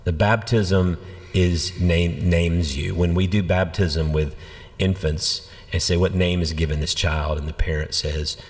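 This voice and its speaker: Deep-voiced pastor talking in a reverberant room. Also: male voice, a little slow. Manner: animated storyteller, acts out quoted voices. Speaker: senior pastor. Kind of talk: conversational church podcast teaching.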